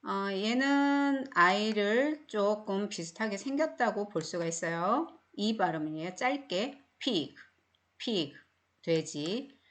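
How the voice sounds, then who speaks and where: A middle-aged Korean woman teaches beginner phonics at an unhurried pace. She sounds out each word and says it again, with patient, step-by-step explanations. Her voice sits at an ordinary mid pitch. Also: animated. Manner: patient, explains slowly and repeats words. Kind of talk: recorded online English lesson.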